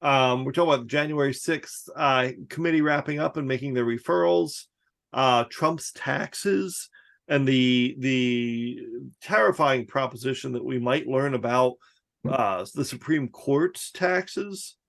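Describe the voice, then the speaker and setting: A man co-hosts a podcast in easygoing casual chat. His voice is heavy with gravelly fry at a middle pitch. He agrees easily and fills pauses with "uh" and "um". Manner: relaxed, agreeable, many fillers. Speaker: podcast co-host.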